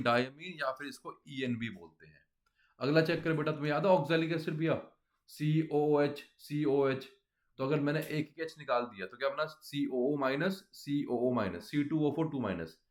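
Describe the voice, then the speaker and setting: A man's voice: on the high side, moderate pace. A man teaching a chemistry class, explaining step by step and often quizzing his students. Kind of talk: classroom lecture.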